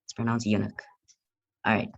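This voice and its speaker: Guy running an online class, flat voice, keeps restarting, muffled dry call audio. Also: lowish voice, no room sound. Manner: halting, hesitant, many restarts. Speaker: online lesson leader. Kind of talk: leading an online group lesson. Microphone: video call.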